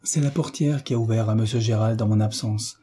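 Man reading as fussy old housekeeper lady, dark husky voice, exclaiming. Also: on the low side, brisk. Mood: alarmed. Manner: excited, exclaiming. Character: flustered older woman housekeeper.

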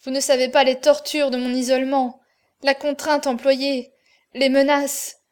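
A woman reading an audiobook, voicing a distraught noble mother who pleads through sobs in a raised, louder voice. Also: sits high, little pitch movement, a little slow, pitched above the performer's own voice. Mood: pleading. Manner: pleading, sobbing.

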